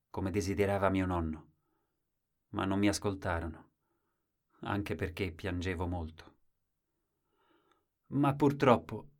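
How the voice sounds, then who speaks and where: A man reading a short story aloud as narrator, expressive, with wide swings in loudness. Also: fairly low pitch.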